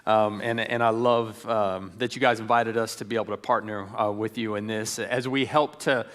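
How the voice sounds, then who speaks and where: A man's voice: fairly low pitch, steady tone, moderate pace, fairly bright tone. A middle-aged man giving an earnest church training talk, telling stories with frequent ums and restarts. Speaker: ministry speaker.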